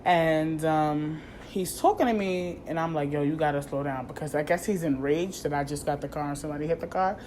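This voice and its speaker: A woman in her thirties telling a casual, profane story in a vlog, animated and slangy, acting out what people said to her. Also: low voice, brisk, hardly any pauses, slight background noise. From New York. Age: 30s. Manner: animated, profane, slangy, acts out quoted dialogue. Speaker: vlogger.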